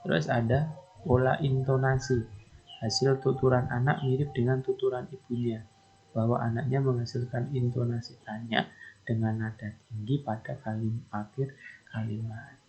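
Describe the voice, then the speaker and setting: A man's voice: medium pitch, flat delivery, a little mellow, poor audio. A man giving a recorded lecture to teacher trainees, who explains step by step and keeps saying "nah" between points. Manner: explains slowly, often says "nah", imitates baby babble.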